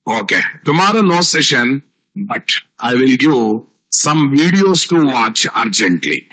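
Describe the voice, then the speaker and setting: Teaching a live online coding class, this male software instructor speaks with a South Indian Telugu accent, circling back to key phrases, adding tag words, and posing rhetorical questions. His mid-range voice swings widely in pitch, moves at a measured pace, and sounds a bit bright, though the recording is poor.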